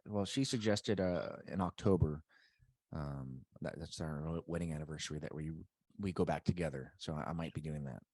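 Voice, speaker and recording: Deep-voiced laid-back man, podcast host. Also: normal speed, a little mellow, breathy edge, no echo. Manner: laid-back, teasing banter. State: married. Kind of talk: casual podcast chat.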